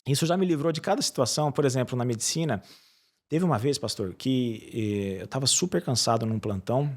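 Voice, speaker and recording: Earnest Brazilian surgeon telling stories. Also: male voice, medium pitch, a little fast. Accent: Brazilian Portuguese. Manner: earnest storytelling with lively acted quotes. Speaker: bariatric surgeon guest. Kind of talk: casual interview chat.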